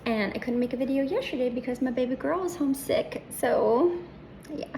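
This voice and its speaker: A middle-aged woman doing a casual tarot reading, her voice slightly hoarse and often slipping into a soft, breathy whisper. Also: high voice, animated, brisk, a little hiss or hum. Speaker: tarot reader. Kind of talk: casual spiritual reading chat.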